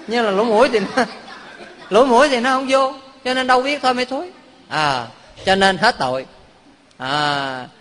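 A man's voice: extremely high pitch, bright, forceful tone. A man, a Buddhist monk giving a humorous dharma talk, quizzing his listeners and telling stories. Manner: quizzes the audience, jokes and tells stories. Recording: long hall reverb.

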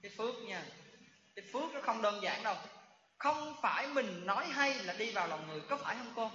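A man's voice: high voice, expressive, fairly quick, pushed and bright, a little hiss or hum. A man giving a Buddhist dharma talk to lay followers, often asking the audience questions. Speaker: Buddhist monk teacher. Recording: echoey hall, dull sound.

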